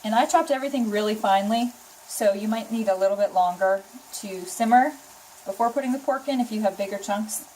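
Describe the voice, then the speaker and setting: A woman talks through a recipe in a chatty, explanatory way at a middling pitch. It is a casual home kitchen demonstration, with the clear noise of frying and stirring behind her voice. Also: fairly quick, warm tone, poor audio. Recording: sizzling pan noise behind the voice. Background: frying and stirring sounds.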